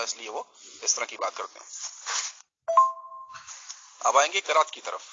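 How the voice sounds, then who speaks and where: A man's voice: medium pitch, bright, forceful tone, breathy edge, dull audio. A man from Pakistan, explaining his case in a religious debate in a teaching manner and checking in with his listener.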